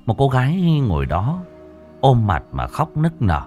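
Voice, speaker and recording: A man narrating a ghost story in a dramatic, expressive way. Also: medium pitch, a little slow. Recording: faint background music.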